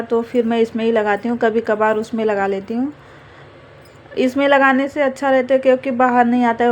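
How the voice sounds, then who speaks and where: A woman's voice: fairly high pitch, darkish tone, highs cut off, slight background noise. Chatty young woman narrating home chores. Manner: chatty, rambling, fillers of "matlab". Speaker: vlogger, mother. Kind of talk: casual home vlog narration.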